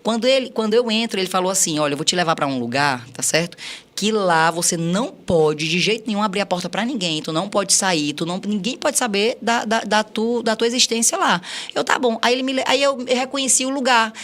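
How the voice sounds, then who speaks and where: A woman's voice: mid-range voice, a little fast, fairly bright tone. A woman on a podcast recounting her life story, acting out quoted dialogue with many repeats.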